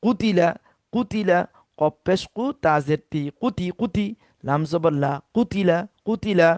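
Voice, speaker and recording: A man's voice: on the high side, lively intonation, darkish tone, no room sound. Man drilling Quran syllables, dry sound. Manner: slow drilling, repeats each syllable several times; prompts listeners to repeat after him. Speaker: Quran reading teacher. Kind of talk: Quran spelling lesson with repetition drills.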